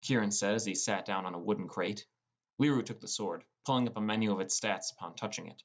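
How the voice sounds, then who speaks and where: Reading scripted first-person fantasy narration like an audiobook narrator, a man speaks quickly in a fairly low voice. His voice sits over a music bed, with prominent plucked guitar in the background.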